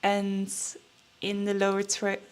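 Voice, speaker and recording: Young female vlogger, unhurried delivery, mid-range pitch, chatty with fillers, slightly nervous and breathless. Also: completely flat delivery. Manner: chatty, with many fillers and restarts. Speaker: trading vlogger. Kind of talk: casual vlog chat.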